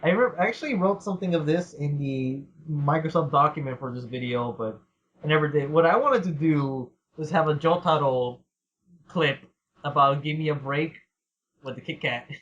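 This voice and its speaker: A man's voice: on the high side, normal speed, a bit bright, a little hiss or hum. A man hosting a casual podcast Q&A, rambling and laughing as he reads out listener questions. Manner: rambling, laughs often, swears. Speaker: podcast host. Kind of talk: casual Q&A chat. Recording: dull lo-fi sound.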